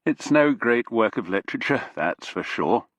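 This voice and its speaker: A man voicing a Corsican businessman in his fifties, with a Corsican accent and slow, deliberate explanations. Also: mid-range voice, animated, fairly bright tone, no room sound. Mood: measured.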